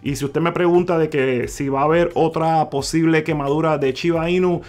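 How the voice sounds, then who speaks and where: A man hosting a crypto video, talking viewers through numbers on screen, calling them "mi gente" and repeating figures slowly. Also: a little high, steady tone, darkish tone, faint music behind. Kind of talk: screen-share explainer talk. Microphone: voice-over on screen recording.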